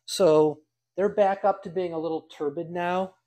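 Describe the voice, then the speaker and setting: Older man, slightly high voice, folksy, dry humor, casual how-to demonstration. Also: fairly even intonation, unhurried. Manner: folksy, dryly humorous, thinking out loud. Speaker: home cider maker demonstrating. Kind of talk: casual hands-on demonstration, talking aloud.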